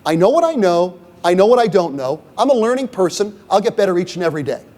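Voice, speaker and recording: A man's voice: high-pitched, very animated, quick pace, darkish tone, big-room sound. A middle-aged man lecturing on leadership at a university symposium, talking conversationally and often checking in with "okay?" and "right?". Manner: poses rhetorical questions to the audience. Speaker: guest speaker on leadership. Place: university event room.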